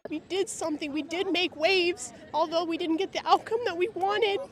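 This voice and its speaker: A woman's voice: very high-pitched, fairly even intonation, normal speed, voice pushed up. A woman playing a tearful young woman, shaky and wounded, saying she is scared. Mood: distraught. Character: tearful young woman upset after an election loss.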